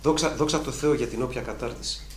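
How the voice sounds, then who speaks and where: A man delivers a sermon with emphatic, repetitive phrasing, and his voice climbs to fervent peaks. His voice carries through a reverberant room. A faint ambient hum sits underneath. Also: medium pitch. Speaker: preacher.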